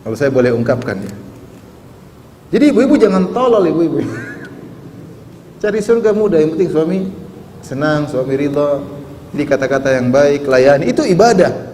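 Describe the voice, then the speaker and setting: A man's voice: fairly high pitch, animated, moderate pace, pauses often, a little mellow, a little hiss or hum. A man preaching a sermon to a live audience, teasing them with questions and quoting Arabic with a chanting lilt. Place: large hall. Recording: echoey hall with faint ambience.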